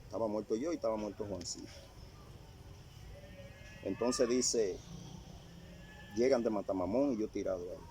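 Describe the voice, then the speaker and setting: An older man tells his story in a halting way, circling back over his own phrases as he remembers. His voice sounds dark and mellow, recorded outdoors in a rural spot with faint noise behind him. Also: on the low side. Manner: halting, repeats phrases as he recalls. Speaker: interviewee sharing a testimony. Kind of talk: casual storytelling.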